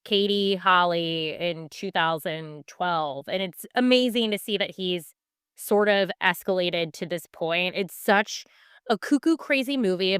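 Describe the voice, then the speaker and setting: A woman from Chicago chats about comedies on a podcast. She is animated and talkative. Her voice is smooth and clear, and the sound is dry and close to the mic. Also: medium pitch, dry recording. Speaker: podcast co-host. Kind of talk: casual movie chat.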